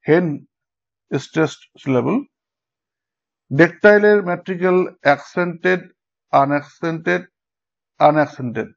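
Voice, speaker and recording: A man teaching a lesson, explaining step by step and pausing to check that his students follow. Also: a little high, vocal fry. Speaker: English teacher. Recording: dull lo-fi sound.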